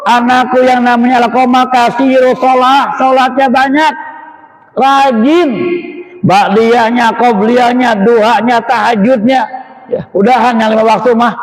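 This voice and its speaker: A man's voice: extremely high pitch, voice pushed up. A male preacher voicing an elderly mother who pleads earnestly and emphatically, in a reverberant hall. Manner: raised, pleading, emphatic listing.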